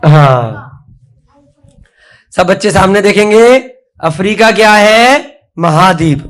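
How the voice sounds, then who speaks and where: A man's voice: high voice, fairly bright tone. A male teacher giving a classroom spelling lesson, who spells words letter by letter and has the children repeat after him.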